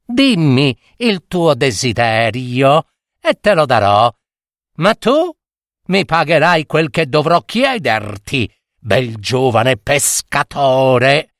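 A man voicing a cunning red-haired witch who talks in a teasing, sing-song, drawn-out way. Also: mid-range voice, big pitch swings, fairly bright tone, no echo, clean studio sound, full character voice.

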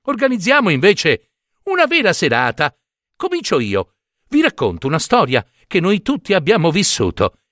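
A man's voice: high voice, wildly swooping pitch, normal speed, a bit bright, dry recording, studio quality, exaggerated voice. A man voicing a proud, genteel female clay pot telling a story about her youth. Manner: genteel, self-satisfied storyteller.

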